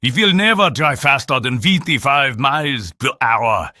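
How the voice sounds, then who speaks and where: A man voicing a stern male authority figure who dictates rules slowly and menacingly in a cartoon. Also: medium pitch, expressive, pushed and bright, dry recording, studio quality. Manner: slow, menacing, dictating orders.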